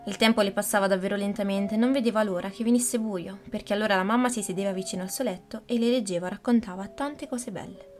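Gentle woman storybook narrator. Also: mid-range voice, steady tone, fast, faint music behind. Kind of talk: audiobook storytelling.

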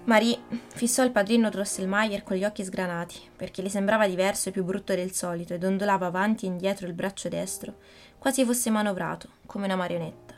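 Brief: woman audiobook narrator, gentle, faint music bed. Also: mid-range voice, fairly even intonation, fast talker. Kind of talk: audiobook storytelling.

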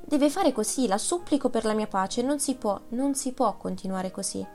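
A woman reading the part of an earnest young woman who pleads gently but firmly. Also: on the high side, normal speed, soft background music, natural voice. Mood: pleading.

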